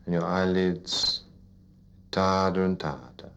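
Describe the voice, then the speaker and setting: Male hypnotist, sleep story narration style, deep voice, unhurried pauses, soothing, deliberate, repetitive phrasing. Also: a bit bright. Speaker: hypnotist leading a relaxation induction. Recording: dull lo-fi recording.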